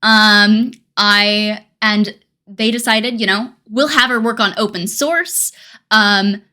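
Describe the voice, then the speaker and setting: A woman's voice: medium pitch, takes it slowly, pushed and bright. A young adult woman chatting casually on a live stream, rambling with dry, self-mocking humor and frequent laughs.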